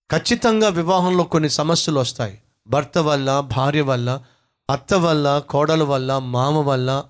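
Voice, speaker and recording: Emphatic Telugu preacher man. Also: a little high. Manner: emphatic preaching in short repeated phrases. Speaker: pastor. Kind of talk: sermon.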